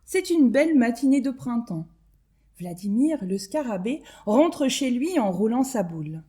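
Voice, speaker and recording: A woman librarian reading a children's story aloud, expressive and clear for small children. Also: a little high, measured pace.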